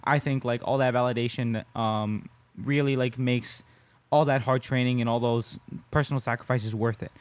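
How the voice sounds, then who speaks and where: A man's voice: mid-range voice, steady tone, moderate pace, dry recording. A man co-hosting a casual podcast, talking about his sport and often checking in with his listeners as he goes. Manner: conversational, keeps checking in with "right?". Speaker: podcast co-host and jiu-jitsu competitor.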